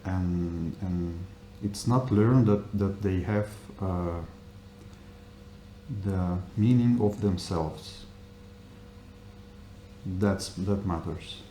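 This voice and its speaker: Man, English. Unhurried, halting interview answers, roomy sound with a little noise. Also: deep voice, dark tone. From Russia. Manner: halting, searching for words in simple non-native English. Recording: echoey room with faint noise.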